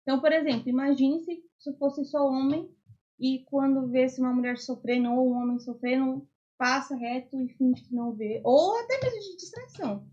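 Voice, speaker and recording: A young woman with a Brazilian Portuguese accent talks earnestly and casually, leaning on fillers as she explains. Her voice sits high, and the recording sounds dull and lo-fi. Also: normal speed, dark tone. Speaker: podcast guest. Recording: dull lo-fi audio.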